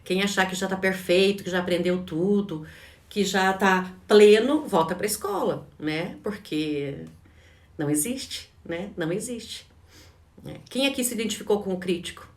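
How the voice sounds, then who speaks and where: A woman's voice: medium pitch, lively intonation, moderate pace. Brazilian woman teaching in a roomy, distant recording. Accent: Brazilian Portuguese. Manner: conversational, tags nearly every phrase with a questioning "né?"; frequent restarts and repeated words. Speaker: behavioral coach. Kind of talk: live online class, answering chat.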